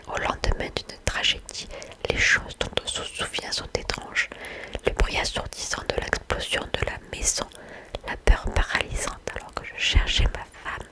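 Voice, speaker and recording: A woman speaking in a soft library-like whisper, talking about books and reading aloud in an ASMR style. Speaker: book haul video host. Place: indoors, in front of bookshelves.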